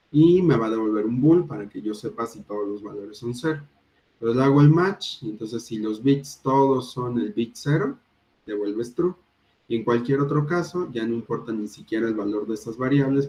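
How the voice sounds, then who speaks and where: A young man with a Mexican Spanish accent giving a recorded programming lecture in a relaxed, conversational way, with frequent fillers and tag questions. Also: medium pitch, rough recording. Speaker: university lecturer.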